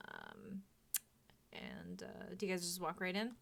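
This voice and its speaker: A woman narrating as game master of a tabletop game, laughing often and filling pauses with ums. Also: lowish voice, wildly swooping pitch, vocal fry, slight background noise. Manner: laughs often, many fillers.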